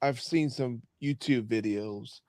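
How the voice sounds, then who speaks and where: A man's voice: medium pitch, slow pace, darkish tone, no echo. A South Louisiana man hosts a podcast in a dry, close-miked studio sound. He asks loose, meandering questions and drops in short replies. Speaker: podcast host. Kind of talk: casual chat.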